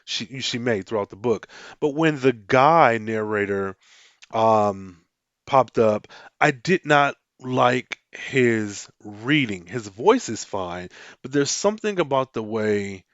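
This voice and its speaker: A man's voice: medium pitch, slow, no room sound, lo-fi sound. A man hosting his own podcast, chatting casually and animatedly, often restarting his sentences and acting out quotes. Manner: animated, frequent restarts, mock-dramatic quotes. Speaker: podcast host. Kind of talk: casual solo podcast talk.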